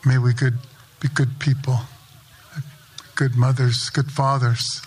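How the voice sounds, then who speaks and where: Slow, measured man giving a blessing. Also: medium pitch, level tone, a little mellow, a little hiss or hum. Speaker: ceremony prayer leader. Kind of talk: spoken blessing. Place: outdoor sunrise ceremony.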